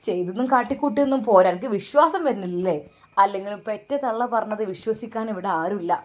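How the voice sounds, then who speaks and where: A woman's voice: medium pitch, quick pace, natural voice. A woman voicing a harsh, scornful mother who nags and orders her grown son about in a spoken story. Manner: scornful, nagging, commanding.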